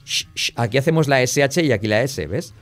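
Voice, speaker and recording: A man's voice: medium pitch, expressive. Man teaching English sounds with faint music. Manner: models English sounds slowly, then repeats them in drills; speaks to the viewer directly and often checks in with "¿vale?". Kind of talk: pronunciation lesson to the viewer.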